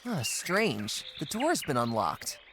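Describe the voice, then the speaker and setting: A woman's voice: low-pitched, big pitch swings, a little slow, background noise, full character voice. Woman voicing a wry young adventurer heroine. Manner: talks to herself, wry asides. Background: game music.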